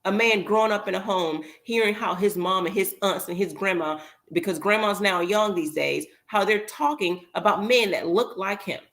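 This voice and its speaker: A woman giving casual opinion commentary in an emphatic, rambling way, pausing to recall details. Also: medium pitch, fairly bright tone. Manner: emphatic, rambling, with pauses to remember.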